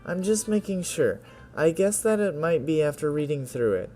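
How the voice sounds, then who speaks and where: A man voicing a shy, soft-spoken teenage girl poet who stammers and apologizes while reading game lines aloud. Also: a little high, very animated, normal speed, faint music behind, pitched above the performer's own voice. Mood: shy, hesitant. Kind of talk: video game voice-over reading.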